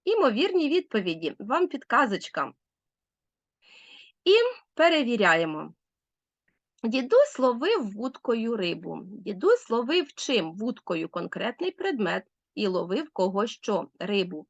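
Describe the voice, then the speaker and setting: A woman's voice: mid-range voice, very animated, measured pace, no echo, muffled recording. A woman teacher giving a recorded grammar lesson, asking leading questions and answering them herself.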